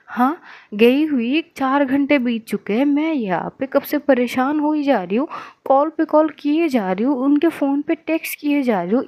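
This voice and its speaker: A woman voicing an angry young woman who scolds her girlfriend in rapid tirades, in a storytelling narration. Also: on the high side, darkish tone.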